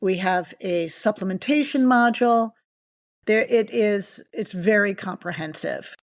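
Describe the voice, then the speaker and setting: A woman's voice: medium pitch, measured pace. A middle-aged woman from the Bahamas, a nutrition coach talking as a podcast guest in an enthusiastic, chatty, storytelling way. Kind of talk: casual podcast interview.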